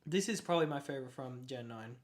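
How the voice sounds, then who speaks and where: A young Australian streamer talking off the cuff in a mid-pitched voice. The delivery is excitable and rambling, full of quick apologies and laughter. It sounds like a relaxed live chat, not a script. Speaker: card-collecting livestreamer. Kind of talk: casual livestream chat.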